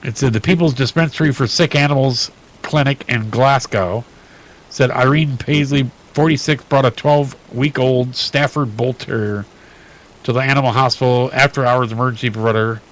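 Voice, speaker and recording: A man's voice: medium pitch, steady tone, fairly bright tone, rough recording. Chatty male radio host reading odd news. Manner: chatty, halting with many fillers and restarts.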